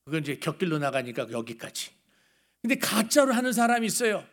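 Middle-aged male pastor, high voice, chatty preaching with anecdotes and rhetorical questions. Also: very animated, a little fast. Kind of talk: sermon.

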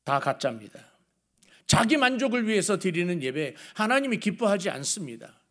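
A man's voice: high-pitched, big pitch swings, moderate pace, fairly bright tone. A middle-aged male pastor giving a sermon in a conversational way, telling anecdotes and asking the congregation rhetorical questions.

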